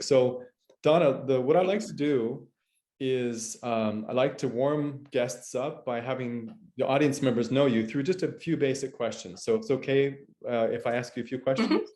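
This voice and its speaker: A man's voice: medium pitch, darkish tone. A man hosting a casual interview over a video call, upbeat and chatty with some restarts. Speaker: host.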